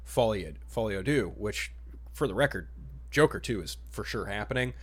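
With a fairly low, animated voice at normal speed, a man hosts a relaxed podcast conversation about superhero films.

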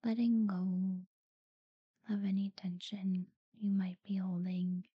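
A woman guiding a sleep meditation in a soft, breathy near-whisper, soothing and unhurried, with long pauses between short phrases. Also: medium pitch, flat delivery, no room sound, dull audio. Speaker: guided relaxation narrator. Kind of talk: guided sleep meditation talkdown.

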